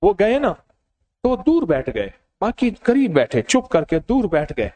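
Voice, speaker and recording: A man giving a sermon, telling stories and speaking directly to his listeners in an animated way. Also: high voice. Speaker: religious preacher. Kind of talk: storytelling sermon.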